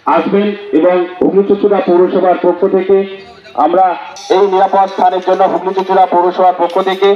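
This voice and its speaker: A man making a slow, repetitive public warning announcement for the municipality, outdoors in a riverside neighborhood. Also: high-pitched, level tone, faint music behind. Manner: slow, repetitive, halting delivery. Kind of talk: public address announcement over loudspeaker. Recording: roomy, distant, muffled loudspeaker sound.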